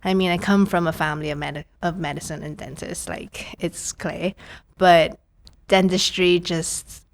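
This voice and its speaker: A woman's voice: lowish voice, steady tone, moderate pace, vocal fry, a little hiss or hum. A woman in her thirties from Trinidad, a prosthodontist guest telling her story in a chatty podcast interview, often quoting her own past thoughts.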